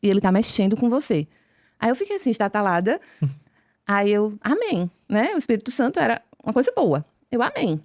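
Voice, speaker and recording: A woman with a Brazilian Portuguese accent, a podcast guest telling her conversion story as a lively storyteller who acts out each exchange of dialogue. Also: mid-range voice, a little fast, no echo, clean studio sound. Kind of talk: conversion testimony told as a story.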